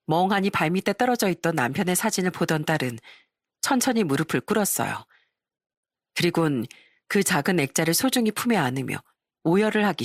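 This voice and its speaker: A woman's voice: fairly low pitch, no room sound. Middle-aged woman, first-person storyteller, emotional, confessional, dry close mic.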